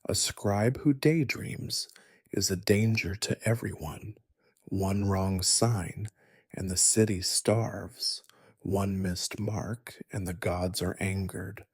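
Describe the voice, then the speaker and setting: A man voicing a strict, sharp-tongued male scribe teacher in a whispered role-play, with clipped scolding. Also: deep voice, steady tone, takes it slowly, husky, dry recording, studio quality, heavily acted. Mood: stern scolding.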